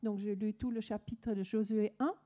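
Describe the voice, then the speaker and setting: A woman's voice: medium pitch, steady tone, moderate pace, mellow. A woman from Denmark with a Danish accent, earnestly telling her personal faith story with many restarts. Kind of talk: personal testimony.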